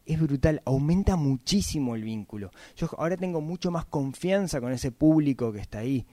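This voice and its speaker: Chatty man with a higher voice. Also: expressive, fairly quick, dark tone, no room sound. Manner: chatty, frequent tag questions. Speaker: podcaster giving a talk. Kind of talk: casual explanatory talk.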